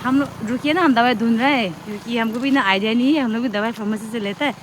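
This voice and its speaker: Young woman doing a snappy defensive nurse, a bit higher, street noise all around. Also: fast talker, natural voice. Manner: curt, defensive. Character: irritated defensive female nurse.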